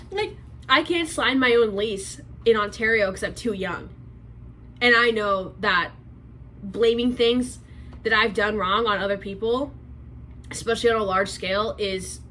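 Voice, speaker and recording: A twenty-year-old woman giving a sarcastic commentary vlog, rambling fast and correcting herself as she goes. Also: on the high side, sharp tone, slight background noise, low-quality recording. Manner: sarcastic, rapid rambling with restarts. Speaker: commentary YouTuber.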